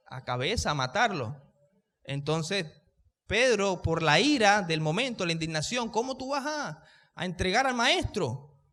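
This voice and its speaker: A man's voice: a little high, fairly bright tone, big-room sound. A male pastor, preaching a sermon, raising his voice so the room can hear him and putting questions to the congregation. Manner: raises his voice to reach the room. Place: church.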